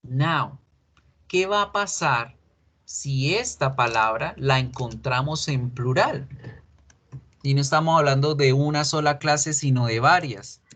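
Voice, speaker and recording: A man teaching an English grammar class online. He explains patiently, asks the students questions, and repeats example sentences slowly so they can copy the pronunciation. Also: mid-range voice, a bit bright, low-quality recording.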